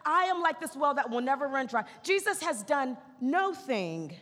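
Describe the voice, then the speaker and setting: Woman pastor, sermon, fairly high voice, lively emphatic delivery, long church reverb. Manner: animated, emphatic preaching with drawn-out key words; casual asides to the congregation.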